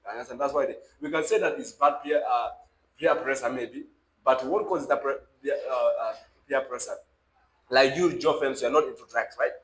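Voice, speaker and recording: A young South Sudanese man with a South Sudanese accent appears as a podcast guest, sharing his opinion conversationally. His medium-pitched, fairly bright voice moves at normal speed, and he is emphatic, repeatedly asking questions to check the listener follows. The room echoes, with faint background noise.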